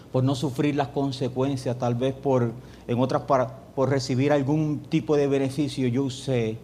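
A man's voice: medium pitch, a little hiss or hum. A middle-aged man, a pastor preaching a sermon and acting out dialogue as he tells a story. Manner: animated storyteller, acts out dialogue.

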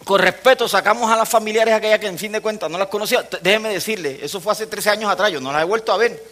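A man preaching a sermon, telling a personal story and often dropping low and soft for emphasis. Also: quick pace.

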